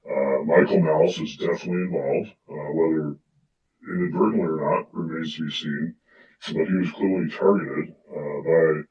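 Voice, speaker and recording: An anonymous caller on a livestream roundtable, talking through a voice changer that shifts the voice very deep, in a conspiratorial way with many fillers. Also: darkish tone. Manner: conspiratorial, hesitant with many fillers, spells out account names. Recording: dull lo-fi call audio, distant and roomy.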